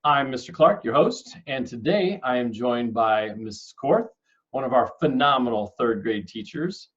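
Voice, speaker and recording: A man's voice: mid-range voice, expressive, moderate pace, fairly bright tone, muffled recording. A young man hosting a casual interview for kids, friendly and upbeat with joking asides. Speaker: host, school staff member.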